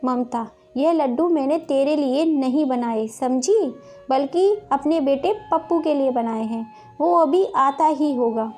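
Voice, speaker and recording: A woman doing a shrill, taunting stepmother. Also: unhurried, faint music behind. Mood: scolding. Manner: sharp, taunting, shouts names. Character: harsh scolding village stepmother, woman.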